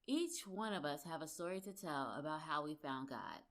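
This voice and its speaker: A woman's voice: low-pitched, lively intonation, normal speed. Female podcast host, upbeat and emphatic, introduces and interviews guests. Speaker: podcast host and relationship coach.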